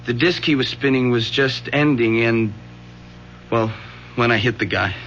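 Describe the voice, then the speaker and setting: An actor playing a shaken, guilt-ridden teenage son, earnest and hesitant, with an American accent in radio drama style. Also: male voice, mid-range voice, measured pace, a bit bright, natural voice. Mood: shaken, confessing. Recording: dull lo-fi old radio broadcast, faint hum.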